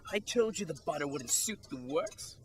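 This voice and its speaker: A woman's voice: sits low, expressive, normal speed. A woman playing the Mad Hatter, an eccentric and moody tea-party host, with erratic theatrical delivery in an amateur audio drama. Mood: testy, contrary.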